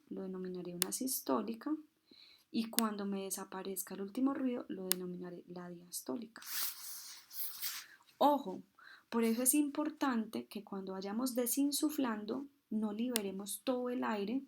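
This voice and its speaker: A woman's voice: medium pitch, normal speed, creaky. Woman teaching vital signs over noise. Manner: mimics heartbeat sounds with "tun"; asks questions and answers them herself. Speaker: instructor. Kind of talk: explaining a medical procedure on a whiteboard.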